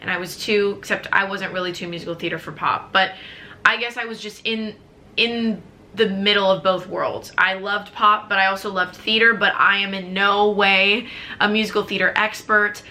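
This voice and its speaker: This upbeat vlogger is an American woman in her twenties from Chicago's suburbs, talking casually and ramblingly to camera with lots of fillers. At medium pitch and a moderate pace, her voice sounds pushed and bright, with fairly even intonation.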